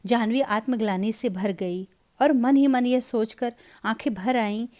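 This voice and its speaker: A woman narrating a Hindi story in an even, measured storybook reading. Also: a little high.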